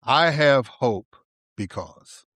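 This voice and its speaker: A man from Chicago hosting an interview, speaking in a relaxed, conversational way and often restarting his phrases. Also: mid-range voice, drawn-out words, no room sound. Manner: relaxed, conversational, stumbles over starts. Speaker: podcast host.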